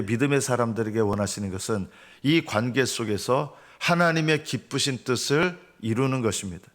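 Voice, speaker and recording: Korean pastor preaching a dawn sermon. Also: male voice, medium pitch. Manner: earnest preaching with rhetorical questions. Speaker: senior pastor. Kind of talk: early-morning sermon.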